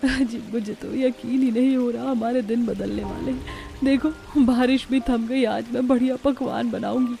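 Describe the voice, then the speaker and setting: A woman voicing a caring, anxious village wife who speaks softly. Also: on the high side, fairly even intonation, normal speed, gravelly, soft background music. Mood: hopeful.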